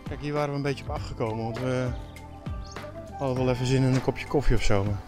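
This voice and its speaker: A sailing vlogger in his fifties talks to a handheld camera held at arm's length, selfie-style, outdoors in a tropical village. His medium-pitched voice is fast, chatty and hesitant, packed with fillers, and there's music beneath it in this casual vlog.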